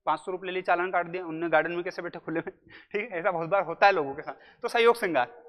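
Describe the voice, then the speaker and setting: A man's voice: high-pitched, fast talker, a bit bright. A man teaching grammar in a casual, joking lecture, talking to students like a big brother. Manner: chatty, jokey, addresses students as brother. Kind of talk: casual exam-prep lecture. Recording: muffled lo-fi audio in a reverberant room.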